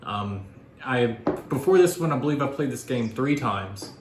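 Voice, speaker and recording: A man's voice: medium pitch, animated, moderate pace, noisy background. Man rambling casually in an echoey room. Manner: rambling, informal explaining. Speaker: guest board game reviewer. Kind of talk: casual chat, board game review.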